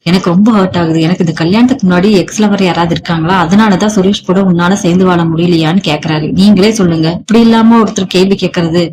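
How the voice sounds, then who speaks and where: Defiant young married woman, sharp and scolding, voiced by the narrator in a read story. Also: mid-range voice, fairly even intonation, fast, hardly any pauses, crowd noise, close to an everyday voice, rough recording. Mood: hurt, indignant.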